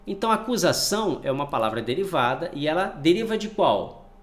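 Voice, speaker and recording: Man, teacher, animated pitch, asks and answers himself. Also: brisk. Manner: lively, asks and answers his own questions. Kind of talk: exam-prep grammar lesson.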